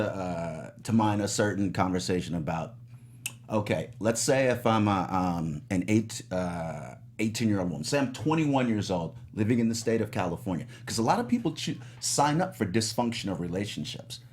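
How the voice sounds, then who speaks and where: Low-voiced man musing on a panel. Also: lively intonation, normal speed, darkish tone. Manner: musing, rambling, many restarts. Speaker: panelist on a TV review show. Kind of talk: casual panel discussion. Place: studio in California.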